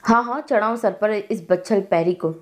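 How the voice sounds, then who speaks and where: A woman voicing a sharp-tongued elderly grandmother who scolds in slow, rustic speech. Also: mid-range voice, lightly acted. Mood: scornful.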